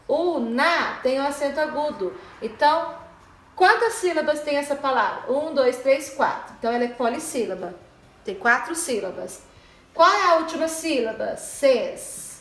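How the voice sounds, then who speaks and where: A woman's voice: sits high, lively intonation, a bit bright. A woman teaching a primary school class in a recorded online lesson, explaining patiently and checking in often with her pupils. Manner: patient, explains slowly with frequent "né?" and "tá?". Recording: echoey room.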